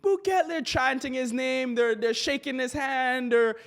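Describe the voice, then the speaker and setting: A man's voice: very high voice, flat delivery, unhurried, a bit bright, clear, resonant tone. A man chatting casually about politics as a co-host, slangy and rambling, often searching for his words.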